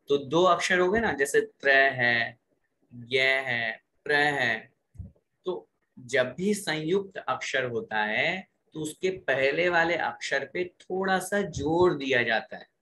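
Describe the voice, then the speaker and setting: A man teaching careful pronunciation of sacred verses, slowly chanting each phrase for students to repeat and then explaining the rules more briskly. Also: mid-range voice, bright, forceful tone, slight background noise, low-quality recording. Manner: slow drawn-out recitation alternating with brisk explanation. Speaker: religious recitation teacher.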